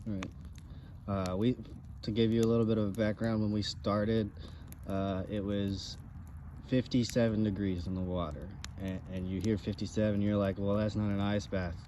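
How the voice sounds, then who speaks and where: Man, relaxed dark tone, halting casual co-host talk, faint outdoor ambience. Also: fairly low pitch. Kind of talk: casual chat. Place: outdoors by a campfire. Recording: outdoor ambient background noise.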